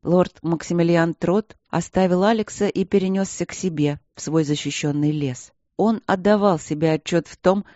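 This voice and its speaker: A man narrating a novel in steady, even storytelling. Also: a little high, no room sound, highs cut off. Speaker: audiobook narrator. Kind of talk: scripted narration.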